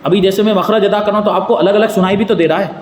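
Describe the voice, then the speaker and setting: A man teaches a religious lecture, pausing to ask his listeners rhetorical questions. His voice sits high for a man. The sound carries the roomy, long echo of a mosque hall with faint ambience behind it. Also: steady tone, slight background noise. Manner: explanatory, asks the audience rhetorical questions. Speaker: mufti teaching Quran commentary.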